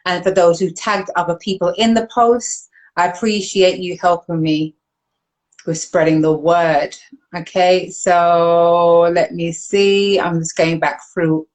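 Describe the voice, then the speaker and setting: A woman's voice: fairly low pitch, rough recording. A British woman hosting a live online show in casual chat, thinking aloud while reading comments and often laughing, on a video call. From United Kingdom.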